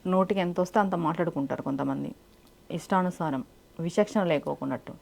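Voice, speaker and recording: A woman's voice: deep voice, quick pace, creaky, a little mellow. A woman giving devotional advice in a direct, instructive way, often asking rhetorical questions. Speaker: spiritual speaker.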